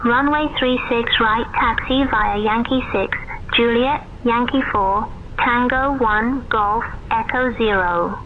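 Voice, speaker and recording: A woman's voice: on the high side, takes it slowly, few pauses. Woman air traffic controller on radio, dull sound, lots of static noise, clipped calls. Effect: aviation radio. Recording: muffled noisy aviation radio.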